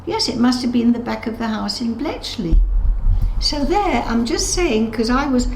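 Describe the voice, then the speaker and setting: Speaking at a moderate pace with lively intonation, this woman's voice sits on the high side with a darkish tone. She is an English Holocaust survivor in her eighties sharing unscripted interview testimony, correcting herself and voicing dialogue as she recounts memories. Echoey room, clear background noise.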